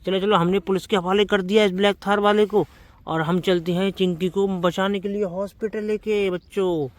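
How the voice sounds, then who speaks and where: Man, high voice, toy-play narrator for kids, eager, mouths engine noises. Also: normal speed, slight background noise. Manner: excited, keeps calling out to children, makes vehicle sounds. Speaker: toy video narrator for children.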